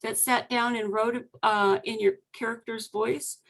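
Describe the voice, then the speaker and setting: Bright high-pitched woman hosting a call. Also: fairly even intonation, measured pace, vocal fry, poor audio. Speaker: host of an authors' meeting. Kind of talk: casual video-call chat.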